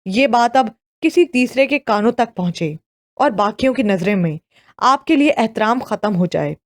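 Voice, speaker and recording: A woman's voice: a little high, expressive, lightly acted. A woman voicing a furious young man. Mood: threatening. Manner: cold threatening warning.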